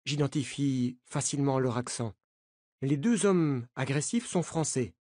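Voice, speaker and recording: A narrator reading a novel aloud in a slow, clear, learner-paced way. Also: medium pitch, darkish tone, no room sound, clean studio sound. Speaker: audiobook narrator. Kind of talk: scripted narration of a graded-reader novel.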